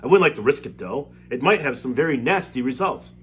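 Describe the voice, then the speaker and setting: A man's voice: mid-range voice, expressive, brisk, a bit bright, slightly rough, voice pushed up. A man reading aloud while voicing an eccentric, fussy candy maker who exclaims and frets dramatically. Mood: fretful.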